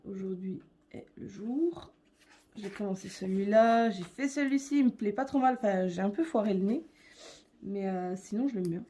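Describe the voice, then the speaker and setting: A woman's voice: mid-range voice, normal speed, warm tone. A young woman vlogger chatting casually and a bit hesitantly as she shows her coloring books, with many fillers.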